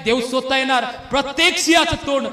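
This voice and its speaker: A man's voice: very high voice, a little fast, pushed and bright, reverberant, big-room sound. A male pastor preaching a sermon with fervent, repeated exhortations.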